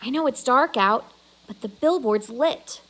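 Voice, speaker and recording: A woman's voice: a little high, lively intonation, a little slow, fairly bright tone, poor audio. A woman voicing an eager, insistent young girl in a storybook, speaking emphatically and pleading her case.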